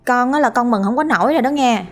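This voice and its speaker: A woman's voice: fairly high pitch, fast talker, voice pushed up, lightly acted. A woman with a Southern Vietnamese accent voicing a spoiled, lazy young daughter who whines to her mother. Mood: whiny. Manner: whiny, self-centred.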